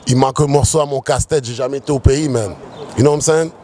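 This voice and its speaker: A man in his forties, a rapper raised in Quebec, interviewed outdoors on a city street, talking in a relaxed, rambling way and dropping English slang. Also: medium pitch, fast talker, crowd noise. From United States, raised in Quebec. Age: 40s. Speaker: rapper guest.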